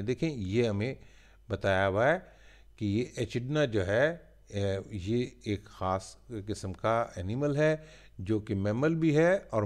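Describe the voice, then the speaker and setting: A male teacher with a Pakistani accent walking students through a workbook, explaining in Hindi-Urdu and reading English lines slowly word by word. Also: fairly low pitch. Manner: repeats filler "theek hai ji" often. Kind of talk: workbook lesson walkthrough.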